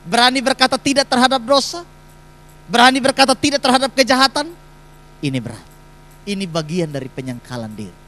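A man's voice: very high-pitched, expressive, fairly quick, pauses often, a bit bright, slight background noise, poor audio. A man, preaching a sermon in a church and putting emphatic rhetorical questions to the congregation. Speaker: pastor.

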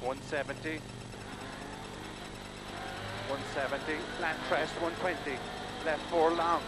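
A male rally co-driver reading rapid pace notes in terse, clipped calls of directions and numbers inside a moving car. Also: a little high, steady tone. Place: inside a rally car at speed on country lanes. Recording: very loud car engine noise. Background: loud engine and vehicle noise.

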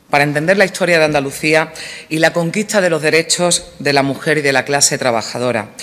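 A male narrator delivers scripted documentary text in a formal, measured manner. His voice sits slightly high, and a long hall reverb lingers behind each phrase. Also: pushed and bright.

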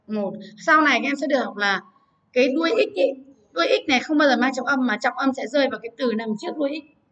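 A woman's voice: sits high, quick pace, fairly bright tone, dull audio. A woman teaching English word stress to children, repeating words and urging her pupils to hurry and write. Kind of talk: online class teaching. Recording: voice from a distance.

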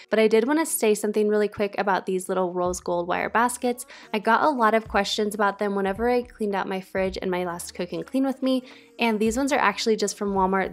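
A young woman narrates her home decluttering vlog in a casual voice-over. She sounds chatty and encouraging, often doubling words for emphasis. Her voice sits at a middle pitch, and soft background music plays underneath. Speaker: home cleaning vlogger.

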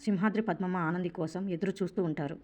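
A woman with a lowish voice races through a serial's story and barely pauses between scenes. She reads every character herself in nearly the same voice. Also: fairly even intonation, a little mellow. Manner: rapid, breathless storytelling with little change of voice between characters. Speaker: serial recap narrator. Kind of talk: fast retelling of a TV serial, voicing every character.

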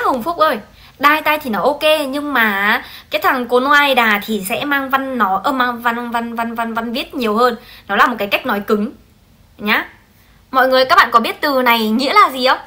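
Woman, livestream language teacher, bright voice, somewhat high, lively and coaxing. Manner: lively, coaxing, checks in often with the class. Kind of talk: livestream translation lesson.

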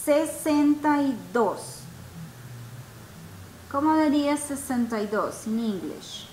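A woman's voice: high voice, expressive, takes it slowly, darkish tone, reverberant, slight background noise, rough recording. A woman teaching English in an online class, patiently asking students questions and mixing with English. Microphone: video call.

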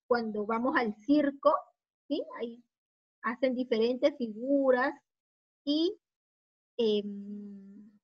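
A woman teacher, giving a children's phonics lesson and slowly repeating each word. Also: high-pitched. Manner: slow and clear, drawing out and repeating words. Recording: slightly dull lo-fi recording.

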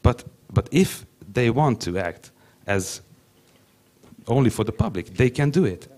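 A young Hungarian-born man talks in hesitant English on a conference panel, holding a mic and repeatedly beginning sentences anew. His mid-range voice has a sing-song lilt and a slightly mellow quality.

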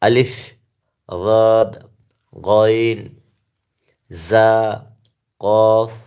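A man with a clear, resonant voice on the low side teaches Quran reading. He recites Arabic letters and syllables one by one, slowly and deliberately, then calmly explains them to viewers.

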